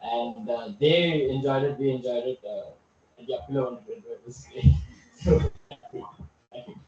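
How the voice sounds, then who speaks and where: A man's voice: mid-range voice, moderate pace, dull audio, very noisy. Hesitant man, far off in an echoey room. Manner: hesitant, many fillers. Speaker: club member. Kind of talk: casual chat.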